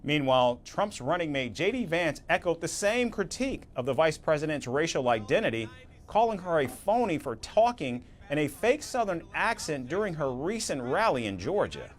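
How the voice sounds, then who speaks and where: A man anchoring a news report, reading a script in a measured, even-toned way. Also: fairly high pitch, a little hiss or hum.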